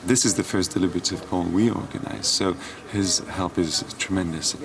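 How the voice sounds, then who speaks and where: A man speaking in an interview about organizing the event, hesitant and filled with pauses. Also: sits low, steady tone, recorded from a distance, crowd noise. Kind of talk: documentary interview.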